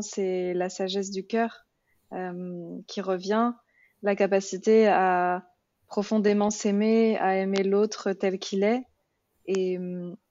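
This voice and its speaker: A woman interviewing in a reflective, conversational way, haltingly searching for her words. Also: mid-range voice, a little mellow, dry recording, dull audio.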